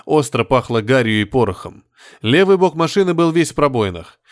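A man narrating a story in a steady, measured audiobook reading. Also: mid-range voice, dry recording, studio quality. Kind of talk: scripted narration.

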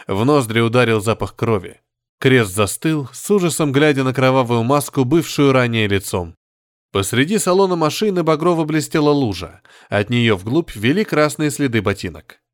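Guy reading a novel aloud, even and steady, dry no-room sound. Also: medium pitch, normal speed, no room sound. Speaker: audiobook narrator. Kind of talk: scripted narration.

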